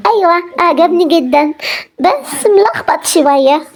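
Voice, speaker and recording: A woman's voice: very high-pitched, lively intonation. A woman voicing a young girl, an anxious and loving little sister who talks in a pleading, childlike way. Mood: cheerful. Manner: childlike, pleading, quick and breathless. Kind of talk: amateur game drama voice acting.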